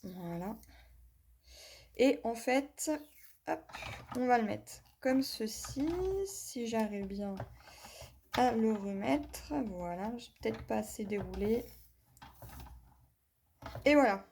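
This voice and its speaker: A woman's voice: a little high, takes it slowly, gravelly, pauses often, a little mellow, slight background noise. A woman reviewing a craft tool in a hands-on demonstration, talking viewers through each step and apologizing for her English pronunciation. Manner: chatty, talks viewers through each step with many "voilà" and "hop".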